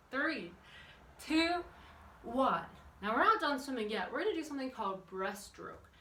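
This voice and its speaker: A woman with a higher, somewhat bright voice guides a children's workout as their exercise and yoga instructor. She is chatty and encouraging and asks the kids questions as she goes, recorded from a distance in an echoey room with background noise.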